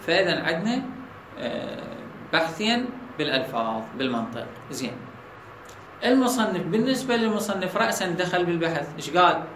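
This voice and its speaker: High bright Iraqi man teaching logic. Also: big pitch swings, a little fast, slight background noise. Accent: Iraqi Arabic. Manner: asks students checking questions. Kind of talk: logic lesson to students. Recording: echoey room with faint ambience.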